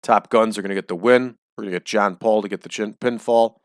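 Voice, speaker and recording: In a small home room, a man plays through a game casually, chatting and explaining his decisions. His fairly low voice is brisk and fairly even, a little off and dry from the household air, and the recording is dry.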